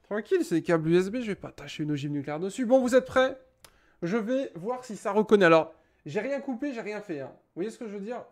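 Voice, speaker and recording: A young tech YouTuber casually reviews a webcam at his home desk in a product review vlog. His voice is high-pitched and expressive, moving at a quick pace as he jokes, rambles and swears while setting it up.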